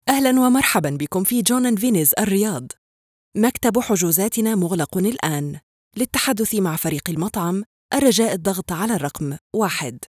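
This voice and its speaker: A woman reading scripted phone menu prompts in a polite, formal, clearly enunciated way. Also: mid-range voice, darkish tone, no echo, clean studio sound. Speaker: phone system voice prompt announcer.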